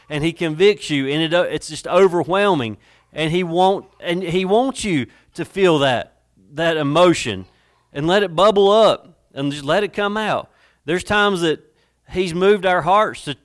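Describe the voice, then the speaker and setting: A male pastor preaching a sermon, earnest and emotional, slowing down for emphasis. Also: a little high, no echo, clean studio sound. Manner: emotional, slows down for emphasis, reads scripture in old-fashioned wording.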